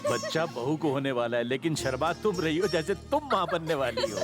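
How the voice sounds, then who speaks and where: An actor dubbing a stern but jovial older family patriarch, speaking in a commanding, scolding way. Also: male voice, fairly high pitch, animated, a little fast, over music, close to an everyday voice. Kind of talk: Hindi film dub. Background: film score.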